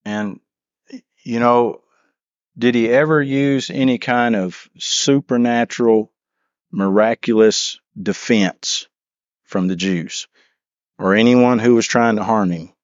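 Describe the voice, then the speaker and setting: A man's voice: medium pitch, steady tone, slow pace, pauses often, dry recording, lo-fi sound. A man leading a church Bible class, reading scripture and then explaining it, often restarting and repeating words as he asks the class questions.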